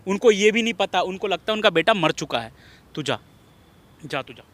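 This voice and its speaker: A man's voice: high voice, expressive, normal speed, fairly bright tone. A man acting as a friend who keeps pushing the hero to go and face his mother in a drama skit. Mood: urging. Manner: insistent, urging. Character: young man, the son's friend, urging and pushy.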